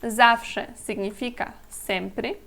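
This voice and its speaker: A woman whose first language is Polish, teaching Polish words in a slow, explanatory lesson, repeating each word carefully and laughing lightly now and then. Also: a little high, steady tone, gravelly, a bit bright.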